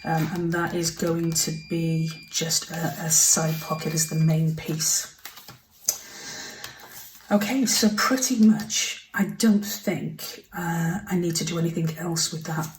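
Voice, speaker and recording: Slow, soft-spoken woman crafting. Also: low-pitched, fairly even intonation, a little hiss or hum. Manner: chatty, apologetic, drifts into half-whispers. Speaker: craft tutorial host. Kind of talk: casual crafting tutorial. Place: home craft desk. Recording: roomy, mic set far off, kitchen clatter behind.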